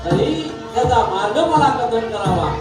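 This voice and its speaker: An earnest, childless king supplicates in a very high, drawn-out voice. It is declamatory folk theatre, heard from far off, with music and crowd sound behind. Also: lively intonation. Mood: pleading. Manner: supplicating, drawn-out, sing-song royal oratory. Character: humble, earnest childless king seeking a sage's help. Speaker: stage performer in a devotional mythological puppet play. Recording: very echoey hall, far mic, music and crowd.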